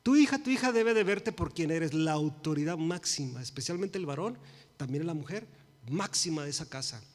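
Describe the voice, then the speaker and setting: A man in his forties preaches in a fairly high voice, rising to loud emphasis and falling to hushed pleas. He drops English phrases into his Spanish. His voice rings with the long reverb of a church hall. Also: lively intonation, normal speed. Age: 40s. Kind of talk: sermon. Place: church sanctuary.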